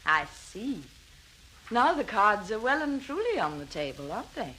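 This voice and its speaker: An actress playing a cool-headed, plucky woman sleuth in a radio thriller, brisk, wry and commanding. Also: medium pitch, big pitch swings, sharp tone, a little hiss or hum, poor audio. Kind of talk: scripted radio thriller acting.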